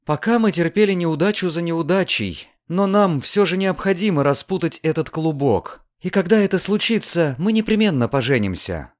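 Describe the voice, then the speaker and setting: A man reading an audiobook, voicing an earnest young woman with a raised, lively voice. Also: normal speed, few pauses, natural voice. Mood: resolute. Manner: raised pitch, lively pleading delivery. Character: earnest young woman, daughter seeking her father's killer.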